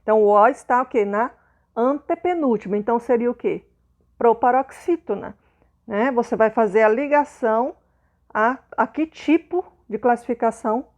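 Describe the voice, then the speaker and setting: In an explanatory video lesson for primary schoolers, a woman speaking Brazilian Portuguese teaches patiently, repeating points and frequently checking in with "né?" and "ok?". Her voice is a little high and a little mellow, at a moderate pace.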